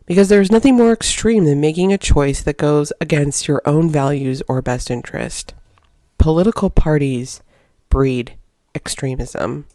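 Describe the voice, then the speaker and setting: A woman's voice: sits low, measured pace, mellow, no room sound. A woman hosting her own podcast, delivering an opinionated, emphatic solo monologue into a close microphone. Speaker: podcast host.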